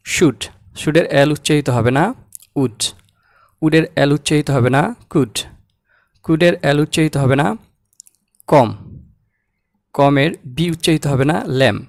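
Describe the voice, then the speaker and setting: A man teaching English pronunciation, saying example words slowly and repeating them. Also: fairly high pitch, no room sound, clean studio sound. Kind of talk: slow, deliberate language lesson.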